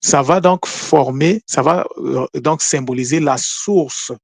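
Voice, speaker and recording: A man giving a spoken lesson on word meanings, slow and deliberate, pausing often with fillers. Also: a little high, vocal fry, no room sound. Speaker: language teacher.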